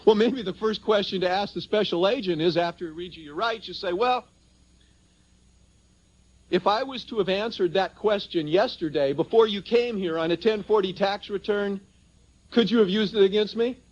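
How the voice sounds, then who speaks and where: At a public seminar, a high-voiced man speaking at normal speed tries to win over his audience, emphatically sharing anecdotes and throwing out rhetorical questions. The recording is a dull, lo-fi seminar tape.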